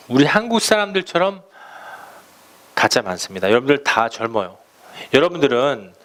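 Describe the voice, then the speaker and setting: Animated Korean-speaking male pastor preaching. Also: fairly high pitch. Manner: lively preaching, acts out quoted voices, rhetorical questions. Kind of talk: sermon.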